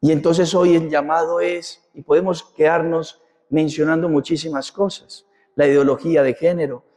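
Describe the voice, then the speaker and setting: A man's voice: on the high side, little pitch movement, moderate pace, dark tone. A man preaching a sermon as a parish priest, impassioned and repetitive, with rhetorical questions. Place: church. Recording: long church reverb.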